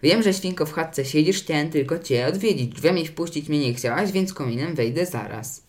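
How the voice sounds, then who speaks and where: A man's voice: on the high side, normal speed, natural voice. A man playing a sly hungry storybook wolf. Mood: sly coaxing. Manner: mock-sweet coaxing, then angry threats. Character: sly hungry male wolf, scheming villain. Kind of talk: storybook reading.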